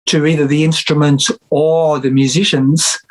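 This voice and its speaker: A man's voice: on the high side, level tone, moderate pace, rough recording. A middle-aged Australian man from Victoria, chatting casually about his music in an interview, with many fillers and restarts. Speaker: musician and music teacher, guest.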